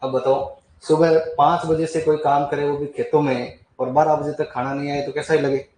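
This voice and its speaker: Throat-clearing man teaching in an echoey room. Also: on the high side, flat delivery, normal speed, darkish tone, a little hiss or hum. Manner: chatty, talks to students with asides and questions. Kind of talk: storytelling lesson on folk deities.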